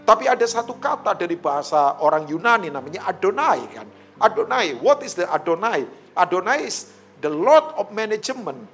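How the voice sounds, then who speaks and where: A middle-aged man preaching a sermon, animated and often addressing the congregation directly. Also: sits high, moderate pace. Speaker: pastor.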